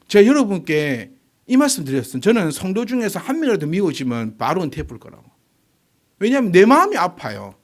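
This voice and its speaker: Forties male pastor, sermon delivery, rhetorical questions, voice swinging wildly high and low. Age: 40s. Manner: animated, fires rhetorical questions at the congregation.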